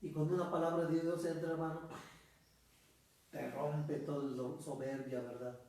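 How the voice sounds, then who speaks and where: Priest preaching in an echoey church. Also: male voice, a little high, level tone, normal speed, gravelly, warm tone, recorded from a distance. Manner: storytelling, addresses listeners as brothers. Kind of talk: sermon.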